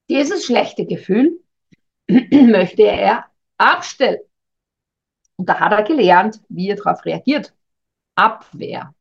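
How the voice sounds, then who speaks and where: Through a dull lo-fi recording, a middle-aged woman with a gravelly, husky, medium-pitched voice offers reflective advice. She speaks as a communication coach, thoughtful and hesitant, addressing the listener directly in a monologue.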